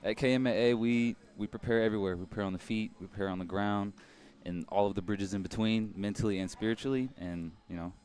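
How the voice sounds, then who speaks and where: Confident man, lowish voice, fighter interview. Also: fairly even intonation, quick pace, few pauses, darkish tone. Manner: confident, matter-of-fact fighter talk. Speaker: MMA fighter being interviewed.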